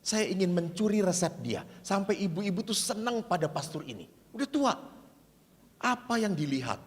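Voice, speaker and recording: Animated high-voiced priest in a reverberant hall. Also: male voice, moderate pace. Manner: lively storyteller who acts out dialogue. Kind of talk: humorous retreat sermon.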